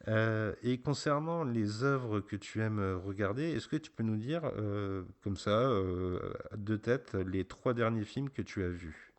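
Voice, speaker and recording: A man hosting a casual podcast, patiently guiding a young guest with gentle questions. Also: on the low side, slow, few pauses. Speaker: podcast host interviewing a child.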